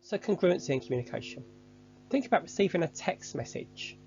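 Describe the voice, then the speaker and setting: Gravelly man giving a lesson. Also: high-pitched, very animated, darkish tone, dull audio, slight background noise. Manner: measured, structured delivery. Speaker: course instructor. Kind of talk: scripted online lesson.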